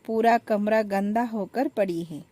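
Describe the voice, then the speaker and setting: A gentle, humble young wife speaks softly and politely, as a woman puts her on. Her voice sits a little higher than the narrator's own. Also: measured pace, no room sound, lightly acted. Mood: meek. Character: meek, kind younger daughter-in-law.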